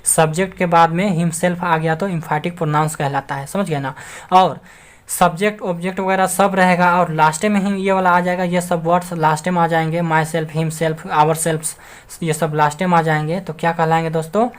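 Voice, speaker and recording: A man's voice: on the high side, fairly even intonation, normal speed. A man giving an online English grammar lesson, who keeps asking his viewers rhetorical questions and calls them friends. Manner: keeps addressing listeners as friends.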